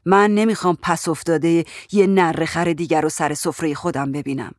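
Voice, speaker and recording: A woman voicing a stern young husband who speaks in curt, flat, colloquial phrases. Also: sits low, no echo, studio quality, lightly acted. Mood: cold.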